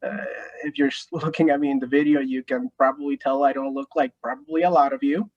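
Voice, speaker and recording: A man's voice: mid-range voice, steady tone, quick pace, a little mellow, lo-fi sound. A man in his thirties, a native Spanish speaker from Mexico with a Mexican Spanish accent, introducing himself in a friendly way as a panelist, with frequent restarts. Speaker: attorney, panelist.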